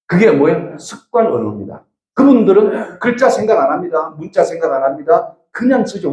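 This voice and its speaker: A man's voice: sits high, a little mellow. A man from the region, giving a lecture and telling stories while he questions the audience directly. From Gyeongsang region, South Korea. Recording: echoey lecture room.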